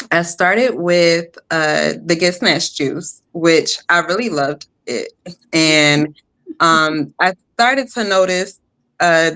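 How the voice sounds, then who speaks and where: A woman guest sharing a personal testimony, hesitant with many pauses and light laughs. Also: low voice, pushed and bright.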